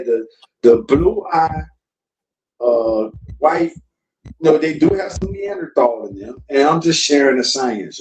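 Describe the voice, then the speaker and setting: A man's voice: a little high, darkish tone, distant mic, a little hiss or hum. A man co-hosting a casual group discussion, making emphatic, lecturing points and speaking straight to his listeners. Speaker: podcast co-host. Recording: roomy echo, set back from the mic.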